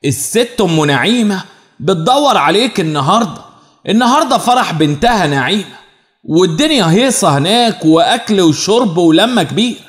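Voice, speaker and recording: A man's voice: high voice, expressive, brisk, big-room sound. A man voicing a bossy older neighbor who nags a lazy boy, with an Egyptian accent, in an audio story. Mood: nagging. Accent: Egyptian Arabic.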